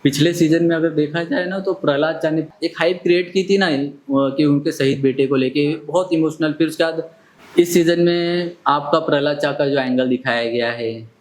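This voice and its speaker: A man hosting the interview, asking long, rambling questions in a relaxed, casual way. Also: on the high side, normal speed. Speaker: interviewer host.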